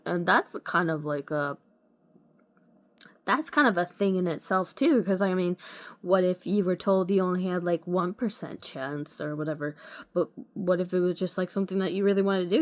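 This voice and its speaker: A woman talking casually to the camera in a rambling way, full of fillers and restarts. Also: fairly low pitch. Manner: rambling, many fillers, frequent "like" and "you know". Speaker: vlogger.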